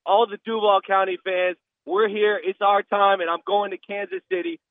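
American guy phoning into sports radio, high voice, pumped fan talk, tinny phone sound. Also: normal speed, vocal fry, a little hiss or hum. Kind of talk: enthusiastic fan call-in talk. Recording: thin phone line.

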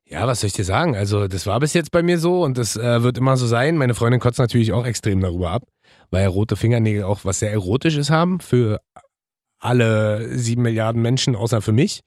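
A man's voice: medium pitch, brisk, darkish tone, no room sound, clean studio sound. A man co-hosting a podcast, chatting casually and teasing with lots of filler words. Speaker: podcast co-host. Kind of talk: casual chat.

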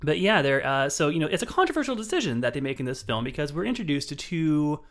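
A man co-hosting a film podcast, teasing and joking in casual banter, his voice shooting up when excited. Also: on the high side, fast talker. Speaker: podcast co-host. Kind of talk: casual film review chat.

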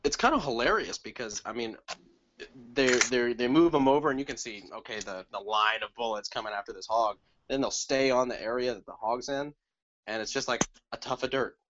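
A man's voice: medium pitch, a little fast. A man co-hosting a casual podcast, rambling with dry humor and restarts. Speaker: podcast co-host. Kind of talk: casual gun podcast chat. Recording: dull lo-fi audio with clear hiss.

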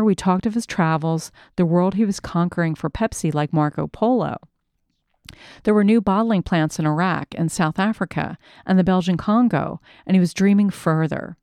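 A woman reading a first-person memoir aloud in a measured, reflective storytelling manner. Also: lowish voice, darkish tone, no room sound. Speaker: narrator.

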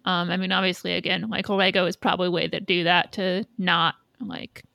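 A woman's voice: lowish voice, level tone, fairly quick, creaky, pushed and bright, dry recording, clean studio sound. A woman chatting casually as a podcast co-host, blunt and opinionated with casual swearing. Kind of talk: casual fan chat.

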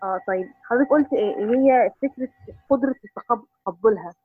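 A woman's voice: fairly high pitch, fast talker. A woman with an Egyptian Arabic accent asking a question on a choppy, glitchy call line that keeps cutting out, hesitating and restarting her words. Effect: choppy glitchy call line that cuts out. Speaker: caller. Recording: dull lo-fi call line with faint music.

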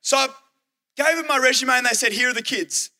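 A young Australian man, a youth pastor and teacher, preaching earnestly and telling personal stories, slowing down to stress key lines. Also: extremely high pitch, creaky, pushed and bright. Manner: earnest storytelling, acts out quoted speech, slows for emphasis.

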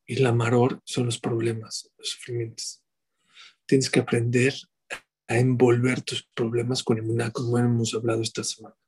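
Husky-voiced man preaching with rhetorical questions. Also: medium pitch, completely flat delivery, moderate pace, a little mellow. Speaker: rabbi. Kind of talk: sermon.

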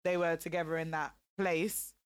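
A woman's voice: low voice, level tone, moderate pace, clean tone. A woman with a London accent chatting casually and emphatically, repeating phrases and using slang. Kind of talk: casual group chat.

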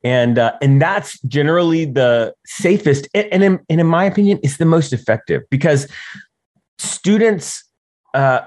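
A man giving conversational advice on teaching youth, animated and often checking in with "right?". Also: fairly high pitch, moderate pace, no echo.

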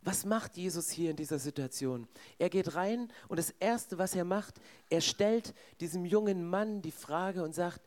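A man's voice: sits high, normal speed, darkish tone. A man preaching a sermon in a conversational way, speaking directly to his congregation.

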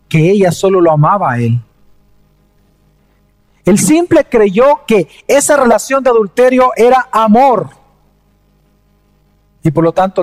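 A man preaching a sermon, speaking earnestly and conversationally and addressing listeners directly. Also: high-pitched. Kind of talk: sermon with storytelling. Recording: long reverb of a hall.

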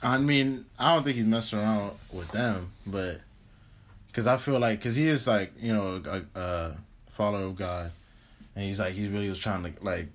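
A young man co-hosting a casual podcast chat, speaking thoughtfully in halting sentences with many fillers. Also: lowish voice. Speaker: podcast co-host.

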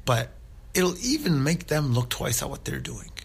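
A man's voice: a little high, very animated, moderate pace, creaky, slightly rough. A man giving an informal religious talk, earnest and conversational, who often checks in with his listeners. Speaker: Islamic speaker.

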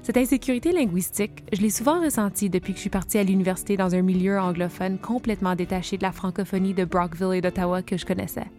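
A young woman asking interview questions and narrating in a clear, measured way. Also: medium pitch, darkish tone. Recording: faint music behind.

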